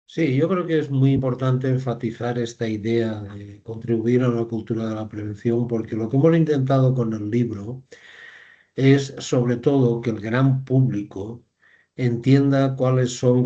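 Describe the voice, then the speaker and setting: Older male academic guest, mellow tone, measured explainer, muffled lo-fi audio. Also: on the low side. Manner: measured, explanatory, with tag questions. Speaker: professor, guest. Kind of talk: academic interview. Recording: dull lo-fi sound.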